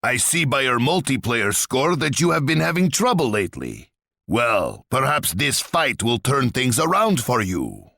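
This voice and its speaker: A gleeful, menacing tsar for a video game. The voice is gravelly and husky. It swoops dramatically up and down, pompous and relishing its own threats. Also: male voice, mid-range voice, big pitch swings, measured pace, pushed and bright, no echo, clean studio sound, full character voice. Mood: calculating. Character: boastful, menacing Russian tsar and warlord, imperious and gleeful. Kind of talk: video game character voice lines.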